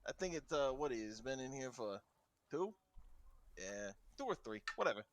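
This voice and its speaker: A man voicing a crude, cruel male town guard with a New Jersey accent, high and loud. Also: very animated, moderate pace, no room sound, lightly acted. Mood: careless. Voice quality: brash, crude, mocking.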